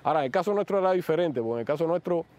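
A man with a Cuban accent, a guest recounting his years in prison in an animated interview manner. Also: fairly high pitch, rapid-fire. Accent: Cuban Spanish. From Cuba. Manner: animated, acts out quoted speech. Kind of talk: interview storytelling.

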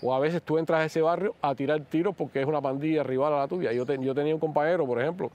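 A man with a Cuban accent, a guest recounting his years in prison in an animated interview manner. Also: on the high side, fast talker. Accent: Cuban Spanish. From Cuba. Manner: animated, acts out quoted speech. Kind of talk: interview storytelling.

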